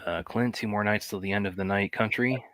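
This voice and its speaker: A man's voice: on the low side, steady tone, a little fast, a bit bright, no echo. A man hosting a podcast in casual chat, reading viewer comments, rambling and joking with many fillers.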